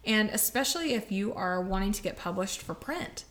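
A woman's voice: mid-range voice, animated, normal speed. A woman co-hosting a podcast, giving writing advice in a frank, punchy, casual chat. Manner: candid, punchy, laughing. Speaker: podcast co-host, author.

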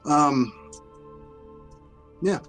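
A man co-hosting a casual podcast, self-deprecating and halting, often laughing and restarting his sentences. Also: a little high, a bit bright, faint music behind, rough recording. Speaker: podcast co-host.

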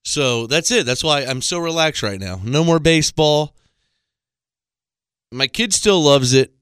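A man in his thirties delivers a comic monologue into a microphone, rambling and exasperated. His pitch swings widely and his tone is bright and forward. The sound is dry and close, with no room around it. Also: lively intonation, a little slow, clear, resonant tone, no echo. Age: 30s. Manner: rambling, exasperated storytelling with self-mocking asides. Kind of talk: comedic monologue. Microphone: studio microphone.

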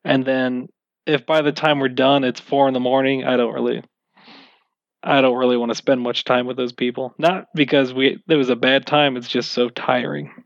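A man's voice: medium pitch, flat delivery, normal speed, vocal fry, no room sound. Man, game master, casual interview, rambling, wry, self-mocking, dull lo-fi recording.

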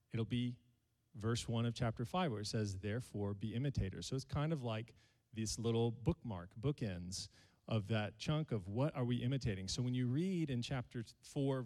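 A man's voice: mid-range voice, darkish tone, in a large hall. A male pastor, preaching a sermon to his congregation and joking with them. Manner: playful, jokes with the congregation.

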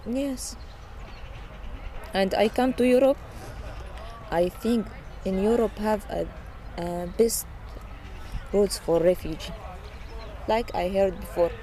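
A young Syrian woman, a native Arabic speaker, talking in halting, broken English with a Syrian Arabic accent, interviewed outdoors in a refugee camp. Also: medium pitch, dark tone. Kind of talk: casual interview. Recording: noisy outdoor field recording.

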